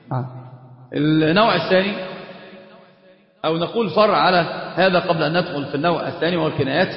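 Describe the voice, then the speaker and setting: A man teaching a religious lesson on jurisprudence, lively, quizzing his students. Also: high-pitched. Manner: lively, quick, asks students questions; mixes Egyptian colloquial Arabic into classical. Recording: echoey hall, dull lo-fi sound.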